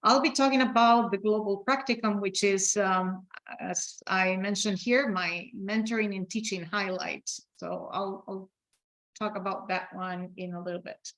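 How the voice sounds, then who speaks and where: Speaking at a medium pitch with fairly even intonation, this middle-aged program director has an Ecuadorian Spanish accent and a slightly bright tone. She gives a virtual open house presentation over a video call at a measured pace, full of fillers and restarts, on a rough recording.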